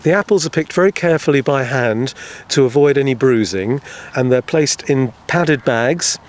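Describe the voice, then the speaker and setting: A man, an organic apple grower, explaining his farm in a calm, measured way in a radio news interview outdoors. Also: medium pitch.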